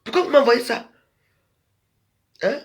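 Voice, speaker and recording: High-voiced man ranting at followers. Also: lively intonation, slow. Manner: scolding, confrontational, rambling. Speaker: social media video maker.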